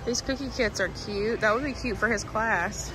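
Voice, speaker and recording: A woman with a Southern US accent, fairly high-pitched and talking at a normal speed, chats casually as a shopping vlogger. She gushes informally about products and prices against a noisy background.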